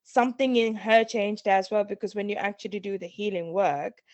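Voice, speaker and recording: A woman's voice: medium pitch, steady tone, normal speed, a little mellow, no room sound. A middle-aged woman from Sri Lanka, a guest on a podcast interview, speaking in a reflective, earnest way and often restarting phrases. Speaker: guest, parenting coach.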